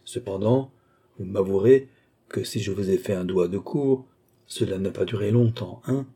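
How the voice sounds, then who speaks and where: Man reading an urbane ironic count, calm and polite, dark husky voice. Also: lowish voice, normal speed. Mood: suave. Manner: phlegmatic, polite, mocking. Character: suave, cool, ironic nobleman count. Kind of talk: audiobook character reading.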